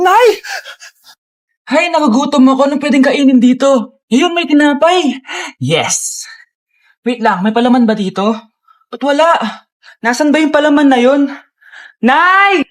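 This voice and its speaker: High-pitched woman acting out skits. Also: expressive, moderate pace, pauses often. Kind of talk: animated acted storytime skits voicing every character.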